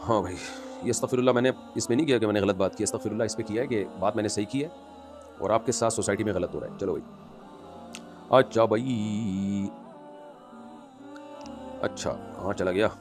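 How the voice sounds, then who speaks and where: A man as an Islamic scholar answering audience questions in an emphatic, scolding way that rises into forceful outbursts. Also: on the low side, pauses often, music in the background. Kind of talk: religious question-and-answer talk.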